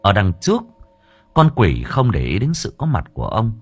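A man narrating a horror story for an audiobook in an expressive, dramatic storytelling voice. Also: fairly low pitch, normal speed, slightly rough, faint music behind.

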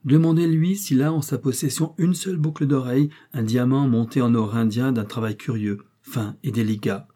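A man's voice: medium pitch, normal speed, warm tone, natural voice. A man voicing a determined young wife who defies a courtroom, firm and insistent. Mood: accusing. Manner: firm, insistent, rising to outbursts.

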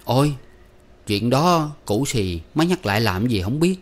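A man voicing a young adult son who argues defensively with his mother, sheepish but quick to anger. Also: medium pitch, sing-song. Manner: pleading, defensive.

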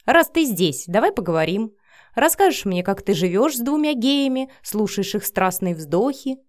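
A woman's voice: mid-range voice, very animated, normal speed, close to an everyday voice. A woman reading an audiobook, voicing a mocking, teasing grown man and father. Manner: smirking, teasing. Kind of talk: audiobook character voice.

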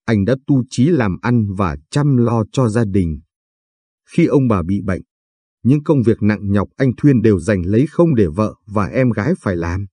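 A man narrating a late-night audio story in a calm, measured way. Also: lowish voice, slightly rough, no room sound.

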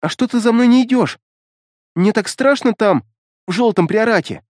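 A man's voice: high-pitched, animated, moderate pace, darkish tone, no room sound, studio quality, pitched above the performer's own voice. A man voicing an eerie little girl who taunts in a sweet, childish sing-song in an audiobook. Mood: taunting. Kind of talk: audiobook character voice.

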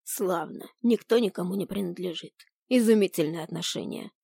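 A woman's voice: fairly low pitch, moderate pace, vocal fry, dark tone, slightly rough, dry recording, clean studio sound. Field: a woman voicing Iris, a growling jealous young man. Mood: sarcastic. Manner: growling, bitter. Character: jealous, sulky young male wizard. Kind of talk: audiobook character voice.

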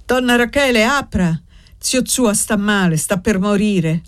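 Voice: medium pitch, a little slow, voice pushed up, close to an everyday voice. A reader voicing a young servant woman who speaks curtly and holds her nerves in check, in an audiobook reading. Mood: urgent. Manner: calm, curt, held-back. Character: young foundling woman, servant, tense but controlled.

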